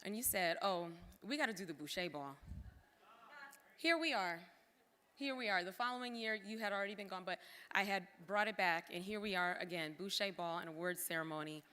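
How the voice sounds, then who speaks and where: Speaking fast in a low, pushed, bright voice, a woman who once directed a cultural center gives an emotional thank-you at a formal gala. She mixes sincere gratitude with offhand remarks to the audience, and the big hall adds a long reverb.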